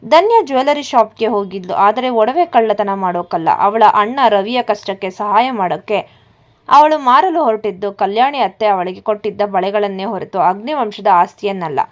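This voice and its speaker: A man's voice: high-pitched, animated, normal speed, a bit bright. A woman voicing a stern, protective young husband who speaks firmly, on a dull lo-fi recording. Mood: tender. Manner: firm, threatening in defense of his wife.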